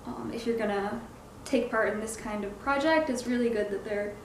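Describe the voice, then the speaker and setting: Woman doing a casual review, kinda high voice, searching for words, roomy sound with faint noise. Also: normal speed. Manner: hesitant, groping for words, self-correcting. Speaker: comic book reviewer. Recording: echoey room, faint background noise.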